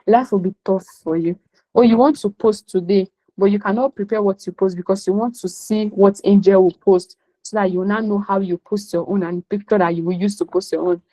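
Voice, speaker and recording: A woman's voice: medium pitch, fairly even intonation, a little fast, dark tone, low-quality recording. A woman with a Nigerian accent gives an emphatic motivational class talk as a career coach, slipping in Pidgin phrases.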